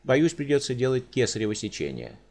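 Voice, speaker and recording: A man voicing a pompous, fussy middle-aged male doctor with a high, hedging way of talking. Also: huge pitch swings, brisk, darkish tone.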